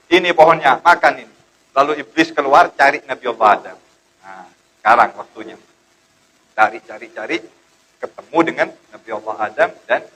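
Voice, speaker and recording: A male preacher telling a sermon story in an animated, dramatic way. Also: medium pitch, a little hiss or hum, poor audio.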